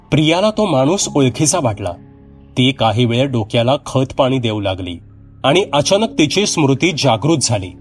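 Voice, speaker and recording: A man reading a horror story in a measured, steady narration. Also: mid-range voice.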